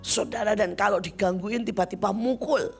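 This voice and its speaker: A woman preacher with a creaky, mid-range voice talks at a normal pace while faint music plays. Her sermon is full of personal stories told with lively flair, impersonating the people she quotes and calling the audience "saudara" again and again.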